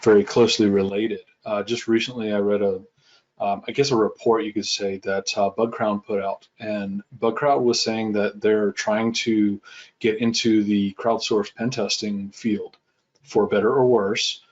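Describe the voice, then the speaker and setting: A man answering as a panel guest, his voice low and very flat in tone. He talks in a measured, deliberate way, and the call audio comes through dull. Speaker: panel guest, pen tester. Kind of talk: panel discussion.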